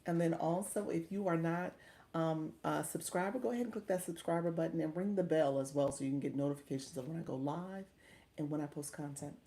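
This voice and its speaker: A woman's voice: sits low, a little fast, dark tone. A woman from Chicago hosting a casual livestream, upbeat and thanking viewers, calling them friend. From Chicago, US Midwest. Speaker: livestream coach and host. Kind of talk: casual livestream chat reading viewer comments.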